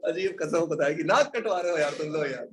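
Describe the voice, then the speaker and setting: A man's voice: fairly high pitch, background noise. A man lecturing an economics class in an informal way, teasing his students and calling them brother and son.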